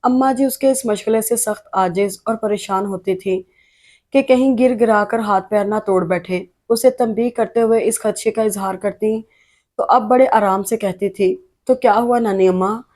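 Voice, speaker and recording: A woman reading a novel aloud as narrator, with a steady, even storytelling delivery. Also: mid-range voice, moderate pace. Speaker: audiobook narrator.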